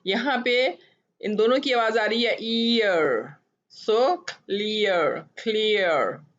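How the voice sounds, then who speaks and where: A woman's voice: fairly high pitch, animated, a bit bright, highs cut off. A woman teaching phonics, sounding out letters and stretching each word as she repeats it. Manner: drawn-out, repeated word pronunciations.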